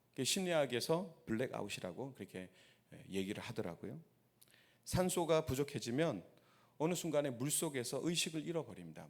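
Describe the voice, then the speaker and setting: Korean man preaching a story-driven sermon. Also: medium pitch. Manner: storytelling with rhetorical questions to the congregation. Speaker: pastor. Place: church sanctuary.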